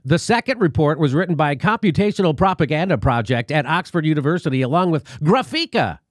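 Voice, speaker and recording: Male host, sarcastic, mocking, swears freely, slightly high voice, dry close sound. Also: lively intonation, quick pace, dry recording. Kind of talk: comedic political commentary.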